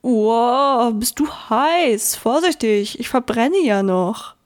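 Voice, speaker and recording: Bored male rock lump, gossipy and chatty, voice pitched up a bit; a woman reads it. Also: lively intonation, slow. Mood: startled.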